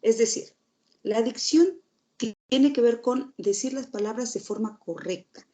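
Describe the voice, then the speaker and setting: A woman's voice: fairly high pitch, a little slow, warm tone. A woman teacher giving a recorded lecture, explaining steadily and asking the class rhetorical questions.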